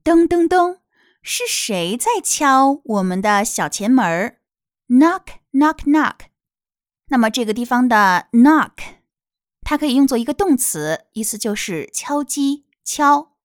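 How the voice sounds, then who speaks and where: A woman gives a children's nursery rhyme lesson in a high, gentle voice. She talks slowly and clearly. The sound is dry and close. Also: sing-song, no room sound. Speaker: children's English teacher.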